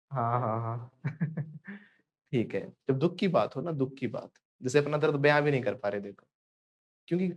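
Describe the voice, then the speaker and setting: A man's voice: medium pitch, a little mellow. A man teaching spoken English in an online class, playful and joking, prompting students to repeat phrases after him.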